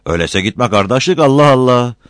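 A man's voice: mid-range voice, big pitch swings, fast talker, dry recording, voice pushed up. A man doing a grumbling, dismissive villager.

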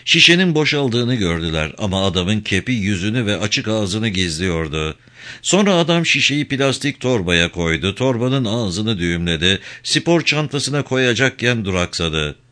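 A man narrating a crime novel audiobook with a lively, expressive reading. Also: lowish voice, moderate pace.

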